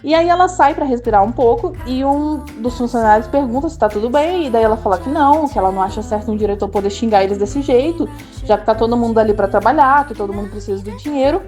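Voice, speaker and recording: Chatty high-voiced woman recapping. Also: fast talker, soft background music. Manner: chatty, uses fillers like "tipo assim" and "entendeu"; animated and opinionated, laughs. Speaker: drama recap host. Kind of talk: casual spoken recap.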